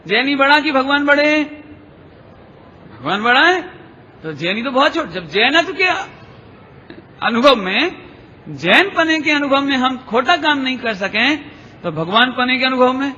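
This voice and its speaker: A man giving a devotional lecture, chanting scripture verses slowly and explaining them with questions put to the listeners. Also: very high-pitched, sing-song, sharp tone. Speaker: Jain preacher. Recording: dull lo-fi recording in a reverberant hall.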